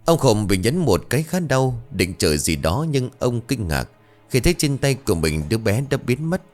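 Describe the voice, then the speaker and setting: A man narrating a village folk tale in a lively, colloquial storytelling manner. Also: medium pitch, normal speed, faint music behind.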